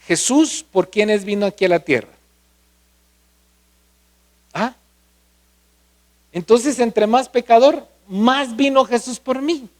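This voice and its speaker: A man's voice: very high-pitched, takes it slowly, long pauses. A male pastor preaching a sermon, often asking the congregation questions.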